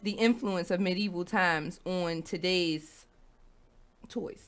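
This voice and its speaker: A woman's voice: lowish voice, slow pace. A woman hosting a radio talk show, chatting frankly and swearing casually.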